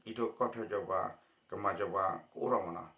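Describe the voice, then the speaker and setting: A man delivers a news report in a bright, forceful voice with a steady pace. The sound is muffled and lo-fi, and it carries a noticeable room echo. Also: on the low side, moderate pace. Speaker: news presenter. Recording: echoey dull lo-fi recording.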